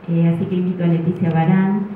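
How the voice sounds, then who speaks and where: A woman's voice: on the low side, little pitch movement, fast talker, noisy background. Hesitant woman in an echoey hall. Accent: Argentine Spanish. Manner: hesitant, many filler sounds. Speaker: event moderator. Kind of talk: hesitant public speaking. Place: community center hall. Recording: echoey hall, far mic, phone-like.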